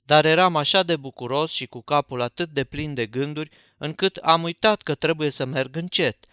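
Clear-voiced male audiobook narrator. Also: a little high, no echo, clean studio sound. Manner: folksy, even storytelling. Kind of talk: scripted first-person narration.

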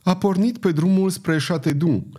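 A male audiobook reader voicing a stout, self-important innkeeper woman who chatters excitedly. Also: high voice, breathy edge, pitched above the performer's own voice. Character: bold stout female innkeeper, boastful chatterer.

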